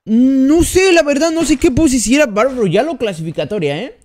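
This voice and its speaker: Very high-voiced man streaming a game. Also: expressive, moderate pace, a little mellow. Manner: chatty, thanks and greets each viewer by name. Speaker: gaming streamer. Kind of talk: live gameplay commentary.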